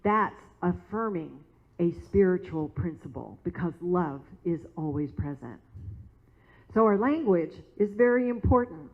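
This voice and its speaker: A woman's voice: fairly low pitch, lively intonation, unhurried. Give me a woman minister with a conversational preaching style, heard through a narrow, phone-like line. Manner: warm, conversational storyteller. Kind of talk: sermon with storytelling. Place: church sanctuary. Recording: tinny phone-like sound.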